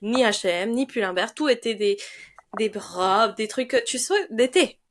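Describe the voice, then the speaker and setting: A woman co-hosting a podcast in casual chat, her voice hoarse and husky from a cold. She talks cheerfully but haltingly, with many restarts. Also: slight background noise. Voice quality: low, husky sick voice. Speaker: podcast co-host.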